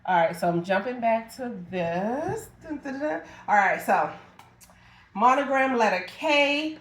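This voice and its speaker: A woman's voice: fairly high pitch, animated, measured pace, a bit bright. A middle-aged woman running a live auction as a reseller, chatting playfully and talking straight to her viewers. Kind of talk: casual live-selling chat. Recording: echoey room.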